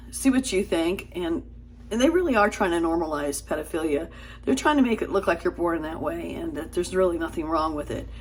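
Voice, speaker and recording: Halting, husky-voiced woman vlogger. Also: lowish voice, a little mellow. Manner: halting, trips over her words with fillers and restarts; earnest, pleading. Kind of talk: casual talk to camera.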